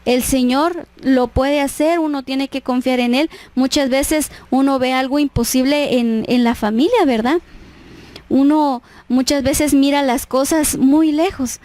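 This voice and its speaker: A woman's voice: high-pitched, steady tone, a little slow, a little mellow, dry recording. A woman giving an earnest devotional talk at church, often checking in with her listeners. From Guatemala. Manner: earnest, tags phrases with "¿verdad?". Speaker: church speaker.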